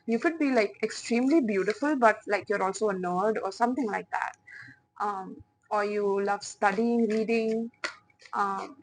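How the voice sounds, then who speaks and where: A woman's voice: mid-range voice, normal speed, a little hiss or hum, rough recording. A woman doing a pick-a-card tarot reading, talking in a chatty, playful way with many fillers and speaking to her viewers as piles. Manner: chatty, playful, with frequent fillers and soft laughs. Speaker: tarot reader.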